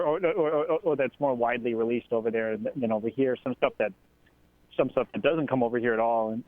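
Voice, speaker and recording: Man on a warbly fishbowl phone line. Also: medium pitch. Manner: halting, searching for words. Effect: warbling, echoey phone line, like talking inside a fishbowl. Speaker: call-in guest. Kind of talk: casual radio chat.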